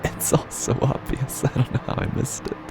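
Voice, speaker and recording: In a horror audio drama, a man voices an unhinged narrator sliding into madness, his natural voice slow and halting and often dropping to a whisper over loud music. The mood is manic, like an eerie revelation.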